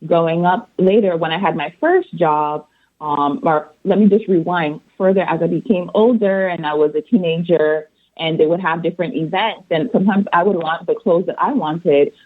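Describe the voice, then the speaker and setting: A woman from Barbados, an accountant and author, calmly explaining her answers as a guest on a radio interview. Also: lowish voice, normal speed. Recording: tinny phone line.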